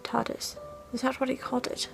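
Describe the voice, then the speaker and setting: A woman's voice: high-pitched, monotone, gravelly, soft background music, rough recording. A woman playing a frightened, whispering young woman. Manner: hushed, halting, often whispering. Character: frightened young woman haunted by dreams of falling. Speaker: vlogger. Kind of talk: in-character fan fiction vlog. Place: at home. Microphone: camera mic.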